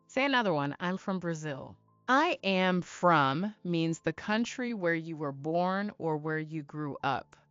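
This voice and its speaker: A woman teaching English to beginners in a slow, clear, deliberate scripted style, asking learners to repeat after her. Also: low-pitched, expressive, a bit bright, no echo, lo-fi sound, soft background music. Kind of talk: slow scripted lesson narration.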